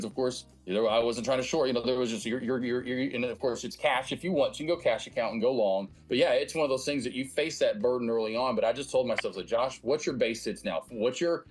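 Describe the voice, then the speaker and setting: Guy host coaching a caller, talks really fast, casual, normal pitch. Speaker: trading show host and coach.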